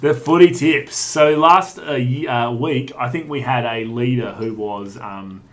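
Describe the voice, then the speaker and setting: A man, co-hosting a podcast in casual chat, talking haltingly with many fillers. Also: medium pitch, fairly bright tone. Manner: halting, many ums and uhs. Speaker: podcast co-host.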